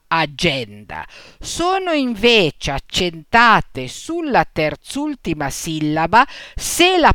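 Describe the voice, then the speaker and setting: A woman reading a lesson on Latin pronunciation, slow and deliberate, spelling out letters and example words. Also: medium pitch, fairly bright tone, clean tone, dry recording, studio quality. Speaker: teacher.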